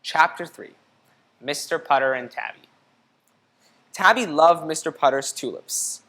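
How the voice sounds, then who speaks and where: Reading a picture book aloud to children, this low-voiced woman sounds expressive and teacherly. She keeps a measured pace, shifting between narration and questions for her listeners.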